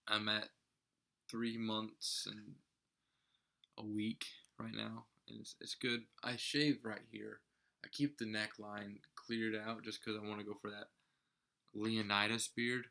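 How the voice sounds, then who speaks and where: Young male vlogger, low gravelly voice with a forceful edge, rambling chat with hammy grand asides. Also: flat delivery, slow. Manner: rambling, mock-grand theatrical turns. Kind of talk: casual chat to camera.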